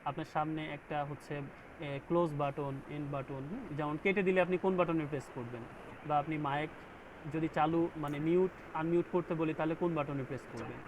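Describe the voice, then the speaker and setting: A man's voice: on the high side, brisk. Man teaching over a noisy video call. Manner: explains step by step and keeps checking understanding. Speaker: graphic design instructor. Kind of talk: online class lecture.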